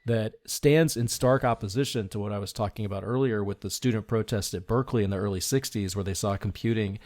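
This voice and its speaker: Low-voiced reflective man, dry sound. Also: quick pace, darkish tone, no echo. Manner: reflective, earnest, laughs lightly while talking. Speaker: podcast guest, design leader. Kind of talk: conversational interview.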